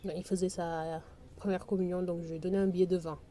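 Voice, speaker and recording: A woman's voice: fairly low pitch, level tone, fast talker, dark tone. A woman chatting casually to her viewers about budgeting, often hesitating and breaking into playful sing-song teasing. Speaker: budgeting vlogger. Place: on her balcony, outdoors.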